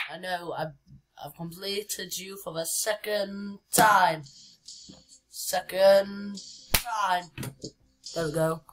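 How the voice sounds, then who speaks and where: Slow-talking woman gaming commentator. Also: medium pitch, noisy background. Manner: chatty, reads on-screen text aloud with many "uh"s. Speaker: gaming YouTuber. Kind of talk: casual gameplay commentary. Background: background music.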